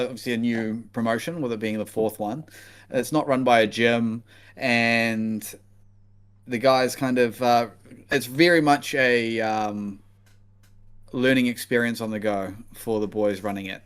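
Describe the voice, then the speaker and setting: A man's voice: medium pitch, clear, resonant tone. Laid-back man with a broad Kiwi accent. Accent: broad New Zealand. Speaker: podcast co-host. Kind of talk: casual fight preview chat.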